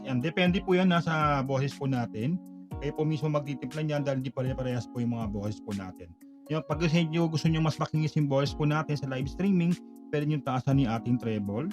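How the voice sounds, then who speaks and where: A man giving a product walkthrough tutorial, polite and explanatory, pausing now and then on fillers. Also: mid-range voice. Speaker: product demonstrator.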